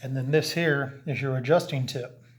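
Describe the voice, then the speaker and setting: A man whose medium-pitched voice is slightly rough talks at normal speed through a CB radio setup. He handles the gear while speaking into a camera mic, rambling and restarting in a casual, hands-on how-to video.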